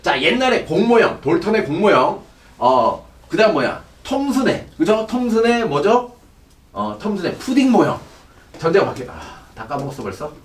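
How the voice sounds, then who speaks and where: A high, lively male voice lecturing on chemistry, keeping his students engaged with constant check questions. He sounds middle-aged and sits back from the microphone, and his voice bounces around a reverberant classroom. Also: moderate pace. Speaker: chemistry teacher. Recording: echoey room, distant mic.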